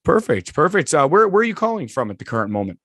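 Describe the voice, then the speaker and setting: Upbeat American podcast host, dry sound. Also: male voice, a little high, very animated, fast talker, a bit bright, no echo. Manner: upbeat, rambling, many fillers. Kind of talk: podcast interview. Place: small studio room.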